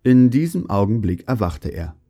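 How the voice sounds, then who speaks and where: Calm, low-voiced male storyteller. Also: normal speed, faint music behind. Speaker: narrator. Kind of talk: storybook narration.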